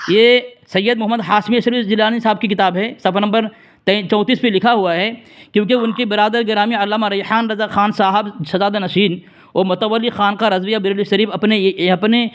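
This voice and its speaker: A man with a notably high-pitched voice argues a theological point over a phone call. He is insistent and keeps pushing for a direct answer, addressing his opponent with formal courtesy all the while. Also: steady tone. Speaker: religious debater. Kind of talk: theological debate.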